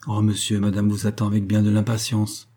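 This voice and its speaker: A man's voice: lowish voice, completely flat delivery, fairly quick, warm tone, lightly acted. A man voicing a deferential male household servant.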